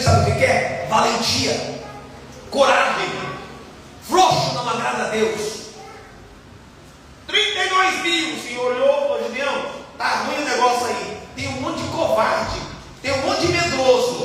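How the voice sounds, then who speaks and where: High-voiced preaching man in echoey hall. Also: a little hiss or hum. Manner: lively preaching with rhetorical questions and acted quotes. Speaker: pastor. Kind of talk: sermon. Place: church hall. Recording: echoey hall from far off, faint ambience.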